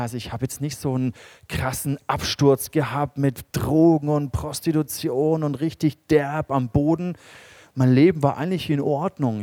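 German-speaking man preaching an animated sermon. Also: mid-range voice, no room sound. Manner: animated storytelling, acting out quoted characters. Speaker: pastor.

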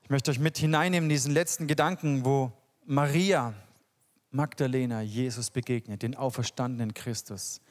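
A man preaching a sermon in an impassioned, conversational way, often sinking into soft, hushed tones. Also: medium pitch, steady tone, normal speed. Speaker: pastor.

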